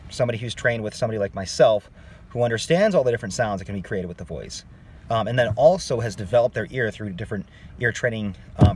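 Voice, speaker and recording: In a casual online singing lesson, a man with a mid-range voice speaks directly to his viewers, calling them "guys" and frequently asking "okay?" There's slight background noise.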